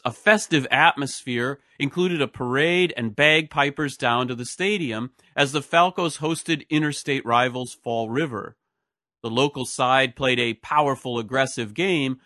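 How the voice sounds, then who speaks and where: A man's voice: medium pitch, pushed and bright, no echo, studio quality. A man reading a scripted history narration as a podcast host. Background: music.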